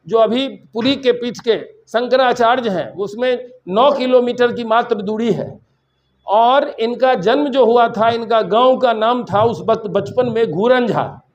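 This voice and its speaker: An older man from Bihar, a university vice-chancellor, gives a rambling seminar speech full of stories, slipping into English phrases. His voice is very high with a darkish tone, delivered as a public lecture.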